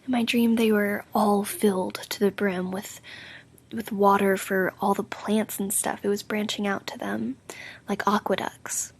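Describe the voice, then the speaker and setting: A woman doing an ASMR role-play as an affectionate, sleepy girlfriend, speaking softly, drowsily and intimately in a breathy soft voice with creaky edges. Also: medium pitch, flat delivery, a little slow. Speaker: roleplay audio performer playing a sleepy girlfriend.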